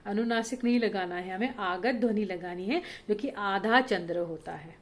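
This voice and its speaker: A woman's voice: mid-range voice, normal speed. A woman teacher giving a grammar lesson to children, speaking patiently, checking often that they follow, and drawing out example words to show their sound. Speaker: school teacher.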